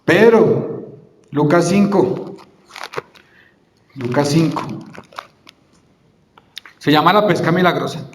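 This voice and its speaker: A man preaching a sermon in a fairly high voice, firing questions at his congregation and answering them himself. The recording carries the strong echo of a church hall, and each phrase lingers in a long reverb. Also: takes it slowly, long pauses.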